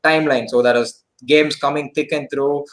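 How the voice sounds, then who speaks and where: A man who makes fantasy football content, chatting on a casual online show in a relaxed way, often using fillers and "so". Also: a little high, moderate pace, low-quality recording.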